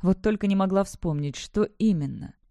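An expressive audiobook reader narrating a novel in the first person with a dramatic touch. The voice is mellow and unforced, recorded dry and close with no room sound. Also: medium pitch, moderate pace, dry recording, lo-fi sound.

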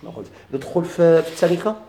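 Man teaching a lesson, Moroccan Arabic accent, warm slightly high voice, echoey classroom. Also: quick pace, slight background noise. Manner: repeats key terms, quizzes students. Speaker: teacher of Islamic inheritance law. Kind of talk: classroom lecture, questions and answers.

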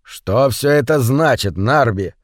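A man's voice: on the high side, measured pace, dry recording, lightly acted. Male reader as a blunt, hot-tempered engineer, dry sound. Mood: demanding. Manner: blunt and demanding.

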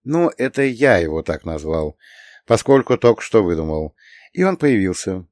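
A man's voice: low-pitched, sing-song, normal speed, darkish tone, no room sound, studio quality. A man narrating a first-person fantasy audiobook in a wry, conversational way, with the occasional curse.

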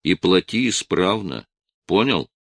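Curt, gruff cop giving orders, low and gravelly, lively in pitch, read by a man. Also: unhurried, no room sound, exaggerated voice. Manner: curt, instructing.

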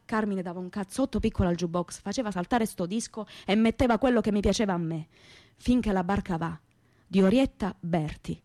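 A stage actress, narrating in character, voices a simple young woman from southern Italy with a Calabrian accent and medium pitch, recounting her story in a radio theatre monologue. Her speech is plain, naive and colloquial with dialect touches, and her natural voice has a warm, wistful quality. The sound is dry and roomless.

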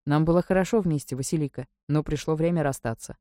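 A woman's voice: low voice, quick pace, warm tone, dry recording, studio quality, close to an everyday voice. A woman reading the lines of a cold, stern male ruler who speaks curtly and will not yield. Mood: cool. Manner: cold, curt, commanding.

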